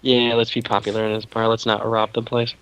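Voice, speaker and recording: Teasing player with a low, bright voice. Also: male voice, monotone, brisk, slight background noise, rough recording. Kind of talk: casual tabletop banter.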